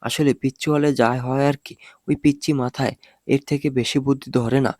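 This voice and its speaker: A man's voice: mid-range voice, fairly even intonation, normal speed, warm tone, no echo, clean studio sound, natural voice. Smug teasing young hero, read by a man. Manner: mocking, domineering.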